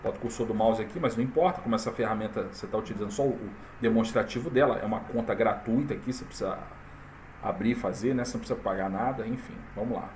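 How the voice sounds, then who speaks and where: A man walking viewers through a software tutorial in a casual, chatty way, full of fillers and tag questions. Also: on the low side, racing, a little hiss or hum. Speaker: tutorial presenter. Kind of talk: casual screen-recorded tutorial.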